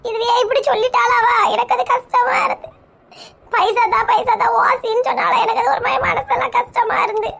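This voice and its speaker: Shrill touchy village woman, done by a woman. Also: flat delivery, moderate pace, creaky, fairly bright tone, a little hiss or hum, exaggerated voice. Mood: indignant. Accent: Kanyakumari Tamil. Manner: shrill, nagging, bickering. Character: touchy bald middle-aged village woman, quick to take offence.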